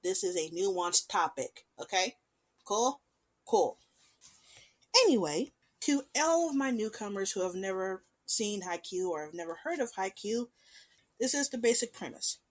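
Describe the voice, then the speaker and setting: A woman hosting a casual show, talking about an anime in an animated, chatty way with lively swings in pitch and loudness. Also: normal speed. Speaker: podcast host.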